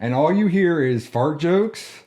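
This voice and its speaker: A man's voice: a little high, expressive, slow, mellow. A man hosting a casual podcast chat, teasing his guests with joking banter. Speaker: podcast host.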